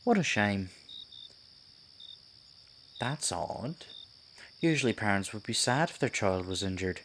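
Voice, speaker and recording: A low-voiced, sinister piper acted out by a man in an ASMR fantasy roleplay. He is silky and condescending, coaxing his prey like a theatrical storyteller with lively swings of pitch. Night insects chirp faintly behind him. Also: slow, slight background noise, exaggerated voice. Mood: feigned concern, probing. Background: crickets, night forest ambience.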